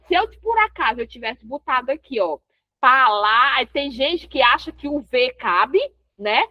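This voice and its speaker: A woman's voice: sits high, no room sound. A woman teaching essay writing with a Brazilian Portuguese accent in an online class, explaining step by step and answering her own questions. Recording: dull, dry lo-fi audio.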